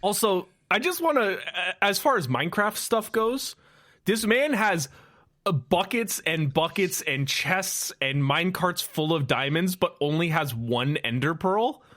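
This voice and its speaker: A man's voice: high-pitched, animated, unhurried, a bit bright. A man co-hosting a casual film review podcast, laughing often and acting out lines in silly voices. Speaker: podcast co-host.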